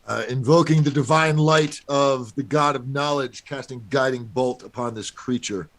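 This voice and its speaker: A man's voice: mid-range voice, moderate pace, a bit bright. A man playing a cleric in a tabletop game, casting spells and patiently explaining the rules to the others. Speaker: player. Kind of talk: casual tabletop play.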